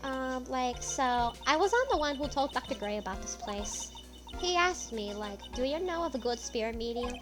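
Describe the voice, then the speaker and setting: Over video game music, a woman uses a high, animated voice at a moderate pace to play a ditzy valley-girl college student. The character sounds airy and packs every sentence with fillers, saying "like" constantly.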